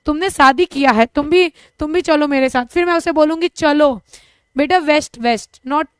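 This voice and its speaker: A woman's voice: high-pitched, moderate pace, dry recording. A young woman teacher with an Indian accent giving a live online class, chatty and joking, mixing two languages as she explains. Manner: chatty, jokey, switches between two languages.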